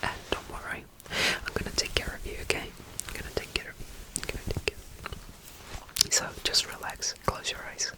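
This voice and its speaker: An ASMR roleplayer whispering softly and soothingly as a caretaker, repeating gentle phrases and reading a bedtime story aloud. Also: moderate pace, poor audio.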